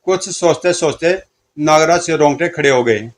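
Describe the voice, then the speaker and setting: A man's voice: on the high side, normal speed. A man narrating a comic-book story dramatically.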